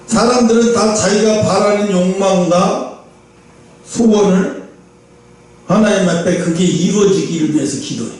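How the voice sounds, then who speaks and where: A male pastor preaching a sermon in a lively, informal way, often acting out direct questions to the listeners. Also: sits high, measured pace, far from the mic. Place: large church hall. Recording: echoey church hall, voice from afar.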